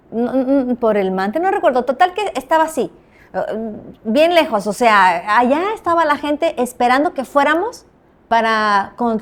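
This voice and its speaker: Mexican woman telling lively anecdotes. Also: high voice. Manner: animated storyteller, acts out quoted dialogue. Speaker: journalist guest. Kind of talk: anecdotal interview talk.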